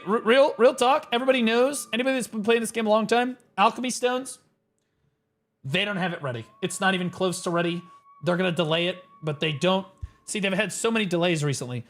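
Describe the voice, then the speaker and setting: A man's voice: sits high, fairly bright tone. A man on a livestream headset mic, ranting sarcastically and swearing through casual game commentary. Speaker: livestream gamer.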